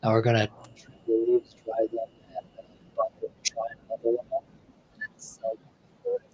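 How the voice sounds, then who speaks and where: A man's voice: mid-range voice, huge pitch swings, normal speed, a little mellow, a little hiss or hum, low-quality recording. A man on an online call in casual chat whose audio sounds garbled and underwater, rambling with lots of "like". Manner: rambling, heavy use of "like". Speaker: paranormal podcast co-host. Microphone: online call mic.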